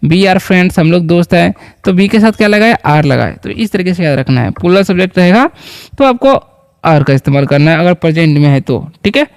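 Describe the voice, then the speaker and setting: High, smooth-voiced male English teacher. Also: expressive, a little fast, no room sound. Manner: patient, repeats words and asks the viewer questions. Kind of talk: spoken English lesson in Hindi.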